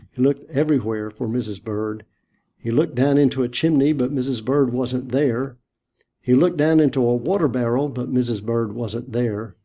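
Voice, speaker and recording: Slow, gentle male storyteller. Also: medium pitch. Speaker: church storytime reader. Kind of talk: reading a picture book aloud, then a short lesson.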